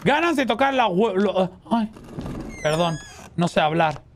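A high, very lively male voice, bouncing between wide pitch swings as he comments on a horror game. He chats loosely with his stream audience and bursts into yelps and curses whenever something jumps out at him. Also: a little slow, gravelly, a little hiss or hum. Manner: excitable, swears and shrieks at scares, talks to chat. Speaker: gaming streamer. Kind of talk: casual let's-play commentary.

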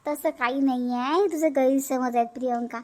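A woman voicing a calm elder sister-in-law in a cartoon, soothing and advising in a Vidarbha Marathi accent. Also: high-pitched, normal speed, close to an everyday voice.

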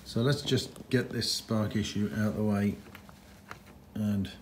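A man with a fairly low voice speaks a little slowly and with fairly even intonation, with slight background noise. He vlogs from his garage as he works on a motorcycle, frustrated and thinking aloud to the camera.

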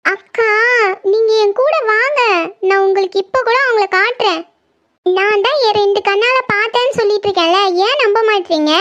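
A woman's voice: extremely high pitch, moderate pace, fairly bright tone. A woman voicing a timid young girl in a cartoon who stammers and pleads after being caught snooping. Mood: anxious. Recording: slightly dull lo-fi audio.

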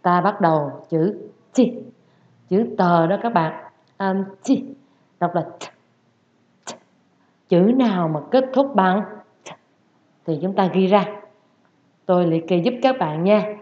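A woman's voice: lowish voice, measured pace. A woman who speaks Vietnamese as her first language, teaching English pronunciation and repeating each sound and word several times. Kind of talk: pronunciation lesson with drills. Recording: roomy, dull lo-fi sound.

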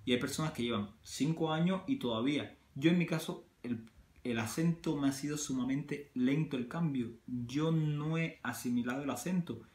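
A man with a Cuban Spanish accent chats straight to camera, working through his point with plenty of restarts and everyday examples. His voice sits at a middling pitch and carries the echo of a bare room. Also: moderate pace, a little mellow. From Cuba. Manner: conversational, many restarts and examples. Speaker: vlogger. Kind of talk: casual talk to camera.

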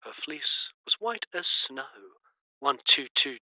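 A man's voice: medium pitch, expressive, takes it slowly, pushed and bright, no room sound. A man playfully testing a microphone that makes his voice sound like a gritty old carbon telephone, amused by how it sounds. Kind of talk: casual microphone test. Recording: lo-fi vintage phone mic sound.

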